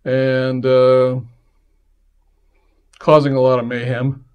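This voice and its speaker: Telling a personal tale on his podcast, this man has a medium-pitched, clean voice and takes his time. He keeps things lively and casual, performing the voices of everyone in the story.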